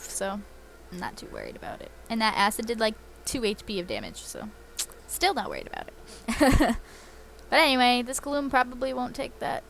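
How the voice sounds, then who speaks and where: A woman's voice: a little high, a bit bright, slight background noise. A woman playing a video game and chatting casually as she plays, giggling often. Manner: chatty and giggly, lots of fillers. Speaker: let's play host.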